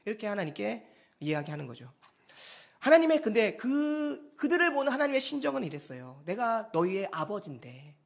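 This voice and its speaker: A pastor delivers a Sunday sermon in a church. The pitch swings widely and the delivery stays animated. The pastor often slips into acted-out voices for quoted speech. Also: a little fast, creaky.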